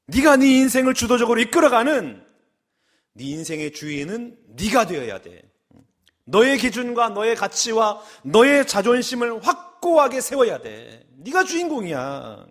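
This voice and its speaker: Animated male pastor preaching. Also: very high-pitched, moderate pace. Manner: animated preaching, acting out quoted voices of the devil and churchgoers. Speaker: senior pastor. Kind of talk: sermon. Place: church sanctuary.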